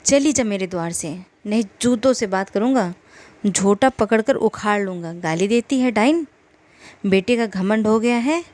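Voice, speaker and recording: A woman's voice: medium pitch, expressive, moderate pace, close to an everyday voice. A woman narrator voicing an angry, hot-headed young village man who hurls insults. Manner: shouting insults.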